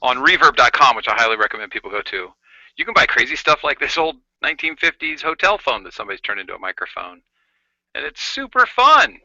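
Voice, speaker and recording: A man's voice: mid-range voice, sing-song, fast, bright, forceful tone, no room sound. A man co-hosting a casual chat, talking playfully through an old carbon microphone built from a 1950s hotel phone. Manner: playful, jokey show-and-tell. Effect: speaking through an old carbon microphone from a 1950s hotel phone. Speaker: podcast co-host. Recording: dull, gritty old phone-mic sound.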